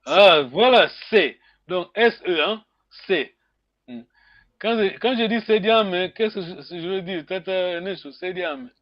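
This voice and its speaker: Homme à voix aiguë, débit lent. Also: male voice, sits high, expressive, dry recording, lo-fi sound. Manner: slow, questioning students, many hmm fillers. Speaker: Kikongo language teacher. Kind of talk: online group lesson.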